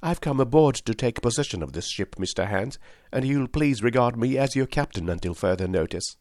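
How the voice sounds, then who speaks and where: A plucky young ship's boy giving orders with eager confidence, as a male narrator raises his voice for him. His voice jumps well above the reader's own low tone, sounding brisk in a dry close recording. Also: animated, a little mellow, no echo, close to an everyday voice. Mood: commanding. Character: bold young cabin boy taking command.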